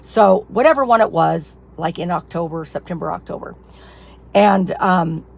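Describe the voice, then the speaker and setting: A woman with a fairly low pitch and vocal fry, a ministry leader who is losing her voice, tells a casual personal testimony to camera for her followers. She speaks at normal speed, rambling and leaning heavily on fillers.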